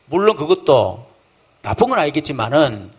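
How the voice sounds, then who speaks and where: Male pastor, folksy sermon delivery, husky tone with a high, lively pitch. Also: moderate pace. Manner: lively, folksy preaching with rhetorical questions; acts out quoted voices of believers and children. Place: church camp hall.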